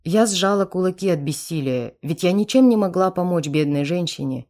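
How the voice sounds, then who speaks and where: A woman narrating an audiobook in a steady, dramatic reading voice. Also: fairly low pitch, normal speed.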